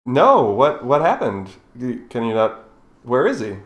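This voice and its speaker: A man running a tabletop game as game master, narrating and voicing characters with animated shouts. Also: medium pitch, measured pace, muffled recording.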